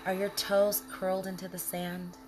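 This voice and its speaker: With music behind her, a medium-pitched woman guides a body scan meditation. She sounds calm and soothing, speaking in short, unhurried phrases broken by pauses.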